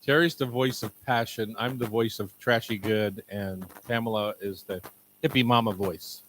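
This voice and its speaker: Bright-voiced chatty radio host, a man. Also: lowish voice, steady tone, normal speed, a little hiss or hum, poor audio. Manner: chatty, joking, addresses a live audience. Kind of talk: live radio talk show banter. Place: restaurant kitchen with live audience.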